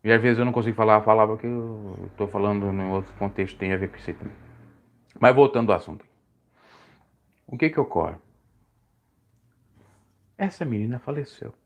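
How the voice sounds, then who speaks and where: A man's voice: a little fast, long pauses. Rambling preacher man. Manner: rambling, self-correcting, pitch swings high when emphatic. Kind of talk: casual live-stream preaching.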